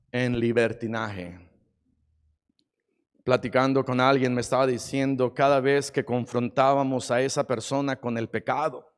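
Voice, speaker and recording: A man preaching a sermon in a church, acting out scenes dramatically and swinging from shouts to quiet. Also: mid-range voice, smooth. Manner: dramatic, acts out stories, shifts from shouting to quiet. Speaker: pastor. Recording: long hall reverb.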